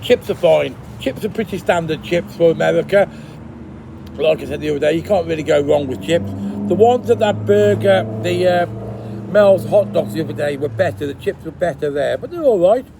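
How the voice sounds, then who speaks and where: Creaky man chewing while he talks. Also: a little high, expressive, normal speed, background noise. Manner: chewing and eating while talking. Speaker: food reviewer. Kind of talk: casual food review vlog.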